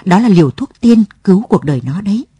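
A woman's voice: mid-range voice, expressive, fast, mellow, slightly rough, no echo. Woman voicing a pushy half-blind friend. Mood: urgent. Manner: urgent, coaxing. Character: eager, half-blind male friend, fast-talking.

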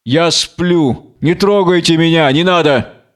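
A man's voice: on the high side, slow, pitched above the performer's own voice. A man voicing a blind, chained male captive who pleads and cries out in fear. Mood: terrified.

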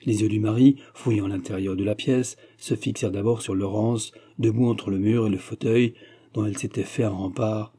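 A man reading a classic novel aloud in a measured, even narration. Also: on the low side, a little hiss or hum. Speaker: audiobook reader. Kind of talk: scripted narration.

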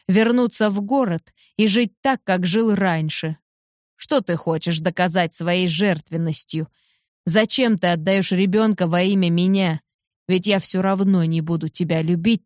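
A woman's voice: fairly low pitch, no echo, studio quality, close to an everyday voice. A woman reading the lines of a cruel, bloodied young man who taunts his captive lover with contempt, in a storybook.

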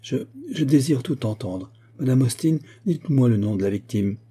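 A man doing a pale, desperate young woman who pleads in a raised, tense voice. The tone stays dark and husky underneath. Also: medium pitch, expressive, moderate pace. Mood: pleading. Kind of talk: audiobook character voice.

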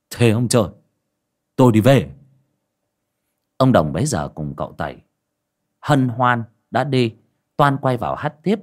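A man narrating a ghost story in a lively, colloquial storytelling manner. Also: on the low side.

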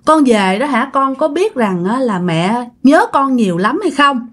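An old grandmother in her seventies or more, played by a woman storyteller, calling out with a Southern Vietnamese accent. She speaks tenderly through tears, her voice lifted higher. The longing stays even and soft. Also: measured pace. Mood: tearful tenderness. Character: old grandmother weeping for her lost daughter.

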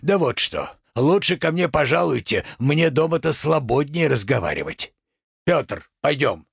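A man's voice: a little high, expressive, unhurried, gravelly, breathy edge, no echo, studio quality, exaggerated voice. A man playing a sly stubborn merchant. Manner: deferential yet sly, homespun speech. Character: shrewd, stubborn middle-aged merchant, man.

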